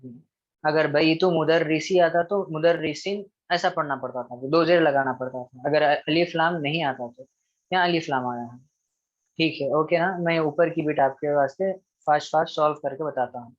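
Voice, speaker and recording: A man's voice: a little high, moderate pace, muffled recording. A man teaching an Arabic grammar lesson, patiently repeating each rule and checking in with his students often. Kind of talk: recorded online grammar lesson.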